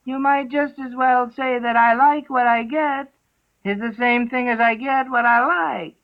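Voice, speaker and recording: A man's voice: very high voice, fairly even intonation, unhurried, pitched above the performer's own voice. A man voicing the March Hare, a meek, odd male hare with a plaintive way of speaking. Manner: soft-spoken, plaintive. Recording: narrow phone-like sound.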